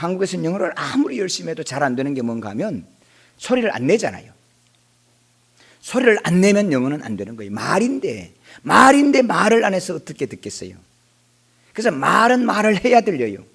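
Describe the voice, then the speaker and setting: A middle-aged man preaching a sermon as pastor in a church, swinging between quiet asides and loud bursts. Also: medium pitch, husky. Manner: animated preaching, dropping to quiet asides then shouting out. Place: church sanctuary.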